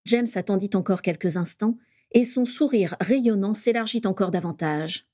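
A woman reads a story aloud in a steady storytelling manner. Her voice is mellow and warm at a middle pitch. The recording is dry and close. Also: moderate pace, no echo. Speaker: reader.

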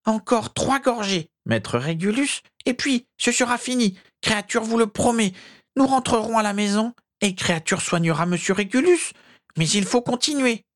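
A woman voicing an old male house-elf servant, anxious and devoted, with a creaky, grating voice who refers to himself in the third person and pleads with his master. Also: on the high side, expressive, moderate pace, natural voice. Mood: pleading. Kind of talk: amateur audiobook character voice.

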